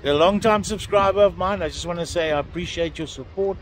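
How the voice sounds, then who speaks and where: A man's voice: high voice, fast, a little hiss or hum. A man with a South African accent, chatting casually in a vlog at a fishing competition, friendly and dropping Afrikaans words. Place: outdoors at a fishing camp.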